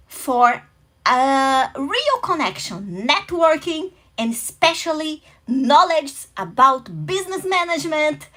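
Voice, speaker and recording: Hosting a motivational talk, this woman from Brazil speaks in a high-pitched, fairly bright voice with a Brazilian Portuguese accent. A native Portuguese speaker, she's earnest and welcoming, occasionally reaching for the right English word.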